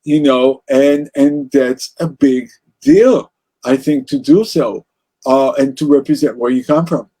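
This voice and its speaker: A man's voice: mid-range voice, steady tone, unhurried, mellow. A man with an Israeli accent, speaking as an interview guest about music in a passionate, rambling way with many restarts. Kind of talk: casual interview conversation.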